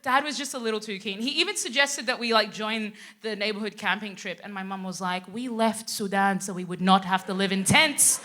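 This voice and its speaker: A young woman from Australia, telling stories on a live stage in an animated way, laughing often and asking "right?" along the way. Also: mid-range voice, fairly quick, few pauses, a little hiss or hum. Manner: animated, laughing, frequent tag questions. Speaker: guest speaker. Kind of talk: live stand-up storytelling. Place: theatre stage before an audience.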